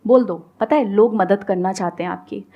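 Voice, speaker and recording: A woman giving a motivational stage talk and answering audience questions, calm and reassuring as she mixes Hindi and English. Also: mid-range voice, normal speed, muffled recording. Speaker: speaker and communication coach.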